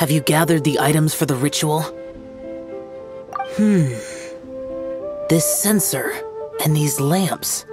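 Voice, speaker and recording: An actor voicing a stern, ancient immortal guardian in a video game, speaking gravely and formally with a commanding manner. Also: mid-range voice, takes it slowly, long pauses, over music, close to an everyday voice. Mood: pensive. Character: stern, solemn ancient immortal mystic guardian, youthful-sounding.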